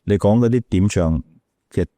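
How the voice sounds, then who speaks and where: A radio DJ guesting on a podcast, this middle-aged man with a Malaysian Cantonese accent has a warm, fairly low voice and speaks at normal speed in a dry recording. He tells stories casually, acting out what people said and repeating words.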